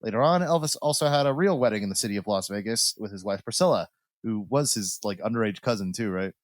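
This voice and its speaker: A man's voice: lowish voice, animated, fast, no echo, studio quality. A man hosting a podcast, talking in casual, rambling banter with plenty of swearing. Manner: rambling, informal. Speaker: podcast host.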